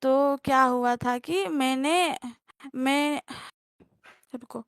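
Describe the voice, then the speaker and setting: A woman's voice: high voice, drawn-out words, dry recording, clean studio sound. A young woman telling her story on a livestream call, rambling and hesitant, with many fillers and restarts.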